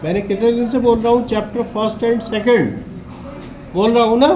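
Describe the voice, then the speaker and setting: A man teaching in a classroom, calmly coaxing students during a test and calling them by name. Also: extremely high pitch, a little slow, a crowd in the background.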